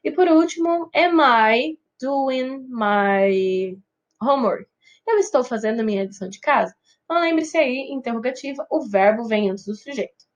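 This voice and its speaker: Brazilian lady teacher explaining english grammar, bit high voice, keeps checking in with the class. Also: animated, fast talker, darkish tone, muffled recording. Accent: Brazilian Portuguese. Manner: patient explaining, checks in with students often. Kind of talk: recorded grammar lesson.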